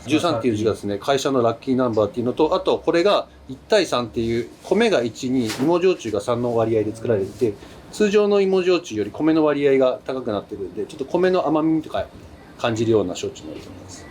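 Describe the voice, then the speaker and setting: A man's voice: medium pitch, expressive, fast talker, darkish tone, slight background noise. A man from Kagoshima who runs a small izakaya. He eagerly explains his dishes and drinks, with frequent fillers. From Kagoshima, Japan. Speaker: restaurant owner. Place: busy small izakaya, indoors.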